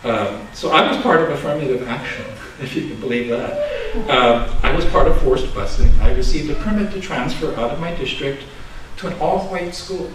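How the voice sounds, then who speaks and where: Talking at normal speed with hardly any pauses, this Los Angeles man in his sixties has a slightly high, animated voice. As a Buddhist minister, he delivers a chatty, self-deprecating dharma talk with frequent chuckles, captured by a distant mic in an echoey room with background noise.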